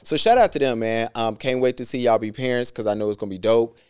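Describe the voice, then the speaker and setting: A man co-hosting a podcast in casual chat, laid-back with lots of slang and shout-outs. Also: medium pitch, fast talker, clear, resonant tone, dry recording, clean studio sound. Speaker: podcast co-host.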